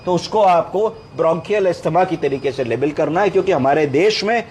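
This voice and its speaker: Male doctor, higher-pitched voice, patient teaching lecture style, faint background hiss. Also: animated, normal speed, a little mellow. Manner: explains step by step, asks and answers his own questions; mixes English medical terms into Hindi. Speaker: doctor teaching clinical medicine. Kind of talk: explanatory medical lecture.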